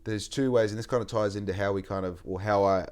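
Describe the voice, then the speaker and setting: A man's voice: on the low side, fairly even intonation, quick pace, darkish tone. A man in his late twenties with an Australian accent, hosting a casual podcast chat and telling stories in a rambling, sweary way. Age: 20s. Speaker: podcast host.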